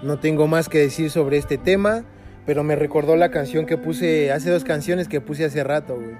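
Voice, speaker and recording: A young man with a Mexican Spanish accent tells a story in loose, slangy banter with friends, and his voice sits on the higher side. He leans on filler words as he talks. Clear music plays underneath. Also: moderate pace. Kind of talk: casual chat among friends. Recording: music playing in the background.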